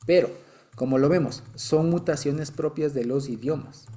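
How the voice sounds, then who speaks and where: A man's voice: fairly high pitch, normal speed, warm tone. A man with an Ecuadorian accent teaching a Bible study, explaining patiently, checking that listeners follow and chuckling now and then. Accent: Ecuadorian Spanish. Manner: explanatory, keeps checking understanding.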